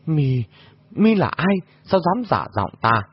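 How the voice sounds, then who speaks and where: A man voicing a fierce, imperious woman martial sorceress who shouts commands in a shrill voice. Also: very animated, a little fast, breathy edge, no room sound. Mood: furious. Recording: dull lo-fi audio.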